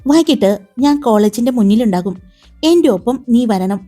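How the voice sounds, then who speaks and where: A woman's voice: a little high, animated, moderate pace, soft background music. A woman voicing a teasing young lover. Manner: playful, commanding, soft.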